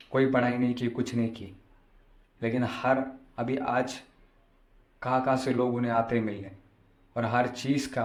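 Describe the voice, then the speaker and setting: Even-toned man preaching, in an echoey room. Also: mid-range voice. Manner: explanatory, repeats phrases for emphasis. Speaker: spiritual storyteller and preacher. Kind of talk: devotional discourse with parables.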